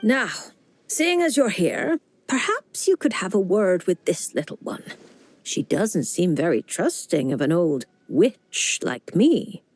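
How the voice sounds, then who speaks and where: A woman playing a creepy, knowing old witch-like fortune teller in a video game, speaking in a measured, cryptic and teasing way. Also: on the low side, very animated, darkish tone, heavily acted. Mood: amused, knowing. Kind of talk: video game character dialogue.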